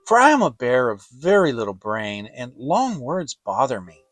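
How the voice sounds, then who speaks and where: A man voicing a gentle, humble, slow-witted toy bear in a storybook, plaintive and hesitant. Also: medium pitch, wildly swooping pitch, no echo. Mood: humble, sad.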